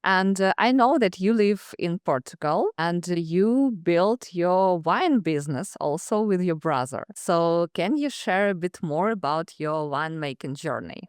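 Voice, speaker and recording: A woman's voice: lowish voice, expressive, unhurried, hardly any pauses, clear, resonant tone, no echo, clean studio sound. A woman hosting a podcast, asking short follow-up questions. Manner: brief prompts and follow-up questions. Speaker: podcast host.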